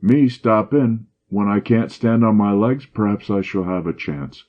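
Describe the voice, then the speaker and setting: A man voicing a young country doctor with a cold, husky, with a slight Scottish accent and a dry, sarcastic manner. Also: on the low side, unhurried, pitched above the performer's own voice. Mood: grumbling. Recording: dull lo-fi audio.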